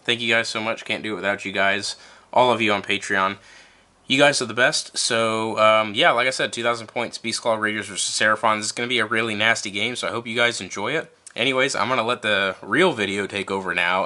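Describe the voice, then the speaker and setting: Man, slightly low pitch, bright tense tone, casual informal hobby-channel host. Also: fairly even intonation, fairly quick. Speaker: host of tabletop wargaming channel. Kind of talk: casual vlog talk to camera.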